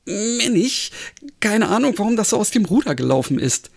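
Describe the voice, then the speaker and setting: A man's voice: high voice, sing-song, moderate pace, creaky, voice pushed up, exaggerated voice. A man voicing a nervous young man who stammers and pleads that he is innocent. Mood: pleading.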